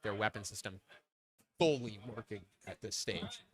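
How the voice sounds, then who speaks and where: A young man doing casual live commentary on robot combat, laughing easily and getting excited at big hits. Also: lowish voice, normal speed.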